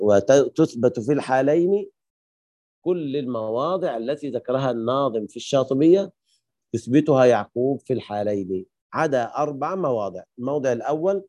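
A man teaching Quran recitation rules, slowing down to chant the quoted verses. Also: mid-range voice, expressive, mellow, no room sound. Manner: slows to chant quoted verses, mixes in Egyptian colloquial asides.

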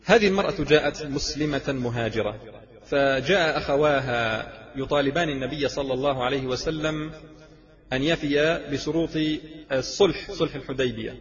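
A man preaching an impassioned sermon that builds to fervent declamation. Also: mid-range voice. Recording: dull lo-fi sound with long reverb.

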